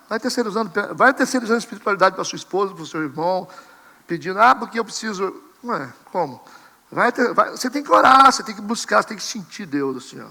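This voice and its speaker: A man preaching a sermon as pastor, animated, acting out his listeners' voices. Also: sits high, creaky, slightly rough, in a large hall. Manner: animated, acts out congregants and mimics camera clicks. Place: church sanctuary.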